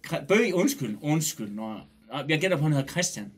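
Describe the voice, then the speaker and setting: A man with a slightly high voice chats loosely on a live stream. He jokes, swears often, calls out viewers by name and is sometimes loud. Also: sing-song. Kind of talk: casual live-stream chat.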